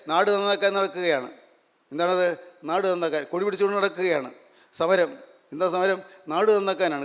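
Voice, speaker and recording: A man's voice: high-pitched, a bit bright. A man preaching a sermon, emphatic and repetitive, full of rhetorical questions. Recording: long hall reverb.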